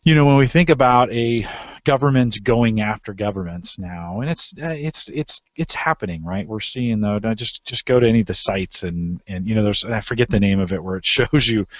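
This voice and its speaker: Rambling low-voiced man hosting a talk. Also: normal speed, no room sound, lo-fi sound. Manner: rambling, many restarts and fillers. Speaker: podcast host. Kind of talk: casual discussion.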